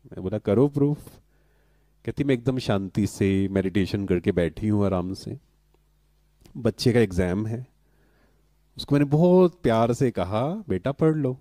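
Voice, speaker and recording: A middle-aged man giving a spiritual talk to a live audience, calm and questioning, who keeps asking the audience to answer and mixes in English words. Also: lowish voice, moderate pace, no echo. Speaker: spiritual speaker.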